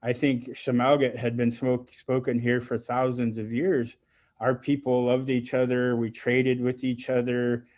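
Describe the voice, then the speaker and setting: A middle-aged man from Alaska speaking with heartfelt emotion on a panel, halting often and restarting his sentences. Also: medium pitch, flat delivery, darkish tone. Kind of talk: heartfelt personal remarks on a panel.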